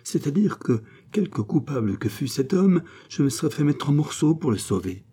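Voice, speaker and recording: A man's voice: a little high, big pitch swings, moderate pace, warm tone, husky, pitched above the performer's own voice. A man voicing a blunt older male farmer in an audiobook, speaking in an emphatic, protesting way.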